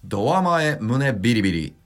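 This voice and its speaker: A man teaching voice technique on his own podcast, speaking with a deliberately deep chest resonance and demonstrating sounds as he explains. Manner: lively, instructive, demonstrates vocal sounds. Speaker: voice trainer. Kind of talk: podcast voice lesson.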